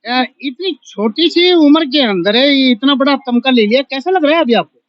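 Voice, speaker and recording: A man's voice: extremely high pitch, expressive, moderate pace, no room sound. Playful man interviewing kids, dull sound. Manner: playful and cheering, hesitant fillers. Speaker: reporter interviewing schoolchildren. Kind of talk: casual interview.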